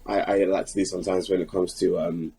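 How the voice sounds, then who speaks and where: A man from South London with a South London accent, co-hosting a podcast, telling stories in a rambling, animated way with many restarts. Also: low-pitched, fast, vocal fry, husky, low-quality recording. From England. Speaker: podcast co-host. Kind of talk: casual chat.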